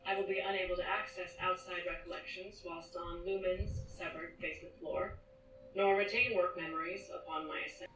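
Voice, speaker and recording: A woman's voice: fairly low pitch, steady tone, a little fast, a little hiss or hum, natural voice. An actress playing a young woman reading a formal consent statement, in a composed, formal way. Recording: distant, roomy video audio with soft music.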